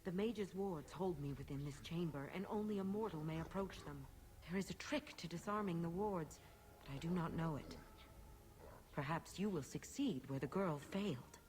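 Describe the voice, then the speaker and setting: A woman's voice: lowish voice, moderate pace, a little mellow, close to an everyday voice. A woman voicing a sly, possessive demon in a cat's body for a video game, speaking formally with silky menace. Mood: measured, coaxing. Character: demon posing as a cat, sly, possessive, imperious. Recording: faintly noisy game audio capture.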